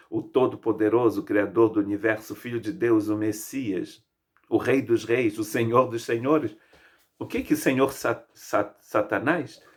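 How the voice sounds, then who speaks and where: A man in his fifties from Brazil with a Brazilian Portuguese accent, preaching a sermon as pastor in an emphatic way, stacking repeated phrases. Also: on the low side. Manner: emphatic, lists phrases in rising repetition. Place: church.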